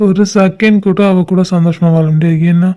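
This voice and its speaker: A woman's voice: lowish voice, steady tone, moderate pace, warm tone, close to an everyday voice. A woman voicing a heartbroken, bitter young man in a homemade cartoon, with a brooding, reproachful way of talking. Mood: anguished.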